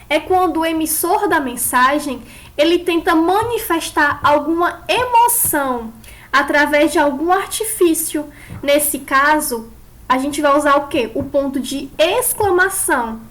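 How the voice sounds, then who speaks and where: High-voiced teacher explaining. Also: female voice, fairly bright tone. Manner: explains step by step, asks the class questions. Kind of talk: online class lecture.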